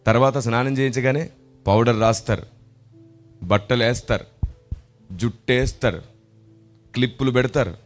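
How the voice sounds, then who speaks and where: A male pastor preaching a sermon that is full of stories, emphatic and rising to loud exclamations, and acting out the voices of people in his stories. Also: medium pitch, moderate pace, pauses often, soft background music. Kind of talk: sermon with storytelling.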